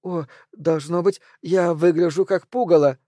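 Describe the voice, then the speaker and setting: A man reading an audiobook, voicing an agitated, unstable woman holding a gun, in shrill emotional outbursts. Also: normal speed, darkish tone, no room sound, clean studio sound, natural voice. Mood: excited.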